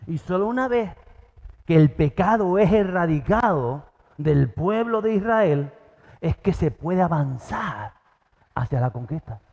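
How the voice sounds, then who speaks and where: A man delivers a sermon with a somewhat high voice. He breaks into acted-out dialogue, jumping up in pitch for each figure. The recording is dull and drenched in long church reverb. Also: expressive, a little slow, darkish tone. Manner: acts out dialogue with sudden pitch jumps. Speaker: pastor.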